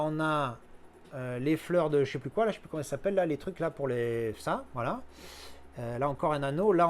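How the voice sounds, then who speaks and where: Guy doing a chill unboxing, swears a lot, kinda high voice. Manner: slangy, swears casually, thinks aloud. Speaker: collector showing his purchases. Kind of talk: casual unboxing chat.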